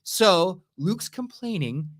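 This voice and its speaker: A middle-aged man co-hosting a podcast in casual chat, animated and jokey. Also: high voice, slow pace, no echo, clean studio sound. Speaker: podcast co-host.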